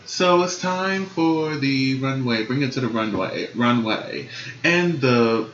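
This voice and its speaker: Lively guy chatting about a tv show with a friend, bright voice, pitch all over the place, kinda dull roomy recording. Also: slow pace, a little hiss or hum. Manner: animated, laughs loudly and often. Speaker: co-host reviewing a TV competition show. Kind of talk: casual review chat.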